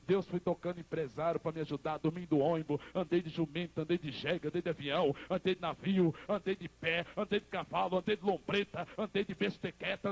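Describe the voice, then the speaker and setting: Pastor guy preaching his testimony, high voice, fired up and yelling at times. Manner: impassioned, crying out, quick storytelling. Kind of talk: emotional testimony sermon.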